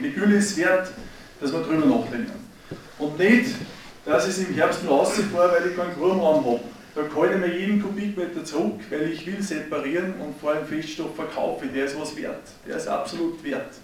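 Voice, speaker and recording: A man's voice: fairly high pitch, a little hiss or hum. A middle-aged man with an Austrian accent giving an emphatic, folksy lecture to farmers, talking straight to his audience. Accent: Austrian German. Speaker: agricultural speaker. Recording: echoey hall, distant mic.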